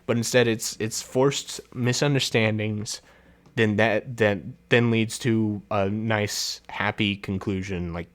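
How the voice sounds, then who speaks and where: A man's voice: fairly low pitch, steady tone, slow. A man hosting a casual solo film review, chatty and laughing often, with many fillers and restarts.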